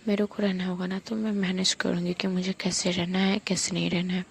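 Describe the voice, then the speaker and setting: A woman's voice: on the low side, level tone, a little fast, creaky. A woman voicing a bold, hot-tempered young woman in love who snaps in anger and then teases. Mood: hurt, angry. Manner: sharp and bold, then teasing.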